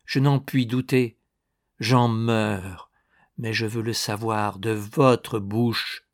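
A man's voice: on the low side, fairly even intonation, slow, no room sound, studio quality. A man reading aloud, voicing an aging woman who pleads desperately and falters through tears. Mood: pleading. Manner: breathless, faltering pleas.

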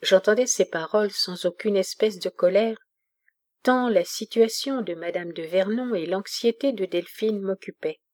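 A woman reading a classic novel aloud in a slow, solemn way. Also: mid-range voice. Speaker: audiobook reader. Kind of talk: literary audiobook narration.

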